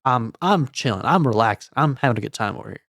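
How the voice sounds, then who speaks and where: A man's voice: medium pitch, expressive, quick pace, gravelly, fairly bright tone. A man in his thirties co-hosting a casual music review chat, laid-back and rambling with fillers. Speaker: podcast co-host.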